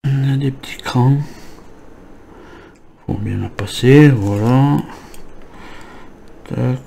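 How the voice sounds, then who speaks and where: A man's voice: medium pitch, slow pace, vocal fry, dark tone, a little hiss or hum. A man with a cold, thinking aloud as he walks through assembling a scale model kit. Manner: thinking aloud while working, many fillers. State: has a cold. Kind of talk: hands-on assembly tutorial.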